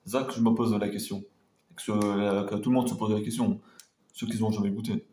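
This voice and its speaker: A man's voice: lowish voice, level tone, fairly quick, warm tone. Male food vlogger, hesitant and repetitive, informal chat to camera, recorded in an echoey room. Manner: hesitant, rambling, repeating himself. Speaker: food taste-test vlogger. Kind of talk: casual chat to viewers. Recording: roomy echo, faint background noise.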